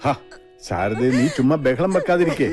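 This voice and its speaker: A middle-aged actor playing a stern company boss who speaks in a curt, commanding way. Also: male voice, medium pitch, expressive, moderate pace, loud music behind the voice, close to an everyday voice.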